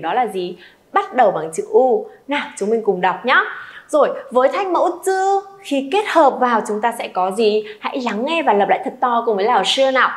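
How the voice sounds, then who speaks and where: A woman teaching Chinese pronunciation, modelling each sound and encouraging learners to repeat after her. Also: on the high side. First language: Vietnamese. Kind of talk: pronunciation drill lesson.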